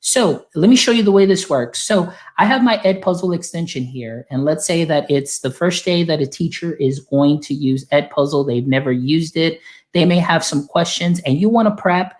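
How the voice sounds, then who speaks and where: A man from Texas, working as an instructional software specialist, walking teachers through a browser extension in a friendly, explanatory way. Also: fairly high pitch, animated, moderate pace. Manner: friendly, explanatory, filler-heavy. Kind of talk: software tutorial demo.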